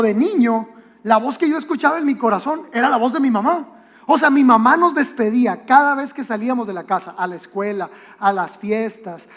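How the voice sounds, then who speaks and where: A man's voice: very high-pitched, a bit bright. A man with a Mexican accent preaching a sermon in a church auditorium, conversational, with rhetorical questions and joking asides. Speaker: pastor. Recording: long hall reverb from a church auditorium.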